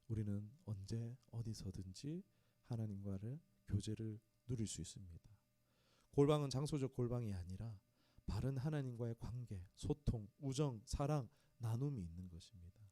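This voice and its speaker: Animated Korean man preaching in a small church. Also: medium pitch, no echo. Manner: conversational preaching, talks straight to the congregation. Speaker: pastor. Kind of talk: sermon.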